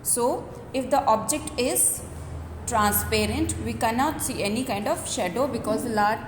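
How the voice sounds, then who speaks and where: Higher-pitched woman teaching in echoey room. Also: animated, a little slow. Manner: earnest, explanatory, often ending phrases with a questioning "right?". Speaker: school teacher. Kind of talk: school lecture to students. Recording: echoey reverberant room with background noise.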